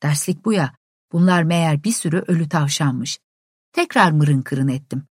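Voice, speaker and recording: A woman narrating an abridged classic novel as a calm, steady audiobook reader. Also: low-pitched, normal speed, husky, dry recording, clean studio sound.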